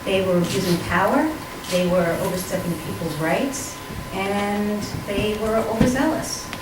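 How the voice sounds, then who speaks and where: A woman giving a public comment at a town meeting, earnest and deliberate, repeating herself for emphasis. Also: mid-range voice. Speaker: resident speaking at a town meeting. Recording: echoey hall from far off, background noise.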